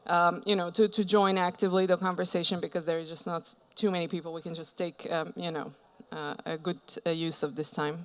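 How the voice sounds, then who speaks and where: Soft-spoken woman moderator, flat delivery. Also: fairly low pitch, clear, resonant tone. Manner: hesitant, many fillers and restarts. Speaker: panel moderator. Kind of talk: informal conference session opening. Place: conference session room.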